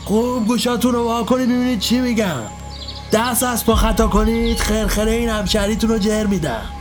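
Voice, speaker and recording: Gruff bossy snake-catching master, voiced by a man, high raised voice, crude old slang, audio storybook. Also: steady tone, music in the background, natural voice. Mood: threatening.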